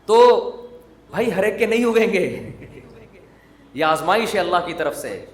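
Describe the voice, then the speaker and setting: High-voiced preacher man, joking sermon. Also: expressive. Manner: jokey, teasing, conversational preaching. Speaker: Islamic preacher. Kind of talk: humorous sermon. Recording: roomy echo.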